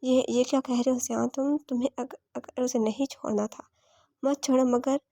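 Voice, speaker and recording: Casting: a woman reading a tearful jealous young woman, high even voice. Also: normal speed, no room sound. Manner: read plainly in the narrator's voice.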